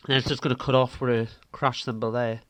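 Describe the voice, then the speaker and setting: Smooth-voiced man rambling over his editing. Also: mid-range voice, level tone, fast, a bit bright. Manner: rambling and playful, mouths out beat sounds. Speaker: vlogger. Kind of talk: casual commentary while editing music.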